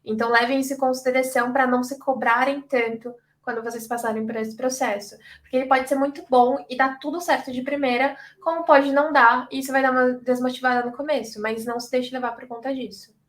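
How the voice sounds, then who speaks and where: A woman's voice: sits high, steady tone, fast talker, few pauses. A young woman from Brazil giving career advice on a panel, chatty and full of "sabe?" and "tipo".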